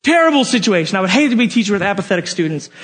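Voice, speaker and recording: High-voiced man preaching a lively sermon. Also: very fast. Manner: animated storytelling with jokes and direct questions. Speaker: youth pastor.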